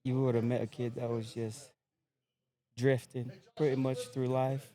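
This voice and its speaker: A young man from American Samoa, a podcast guest telling his story in a relaxed, laid-back casual chat. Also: mid-range voice, unhurried.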